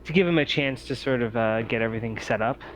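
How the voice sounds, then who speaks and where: Speaking fast at a medium pitch, a relaxed man runs a tabletop RPG session as game master, narrating casually and conversationally. The recording sounds a bit dull, with faint noise behind him.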